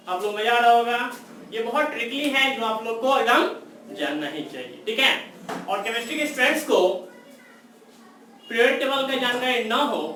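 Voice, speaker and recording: A man teaching chemistry in a classroom lecture, slowly repeating memory tricks and checking in with his students. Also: very high-pitched, bright, forceful tone. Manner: repeats mnemonics slowly, checks in with "theek hai". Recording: far-off echoey room with faint noise.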